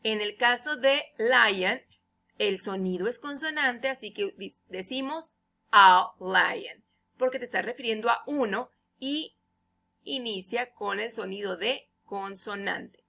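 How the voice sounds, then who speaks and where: Slow, bright-voiced woman teacher. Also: mid-range voice, vocal fry. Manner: explains patiently in Spanish, reads English examples slowly and loudly. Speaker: English teacher. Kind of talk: recorded feedback lesson.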